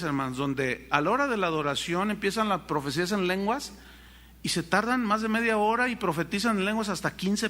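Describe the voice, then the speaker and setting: A Mexican man preaching from the pulpit in a high, ringing voice. His delivery is emphatic, and he slips into little acted voices when he quotes people. The tone is bright and forceful. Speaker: pastor. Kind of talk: sermon.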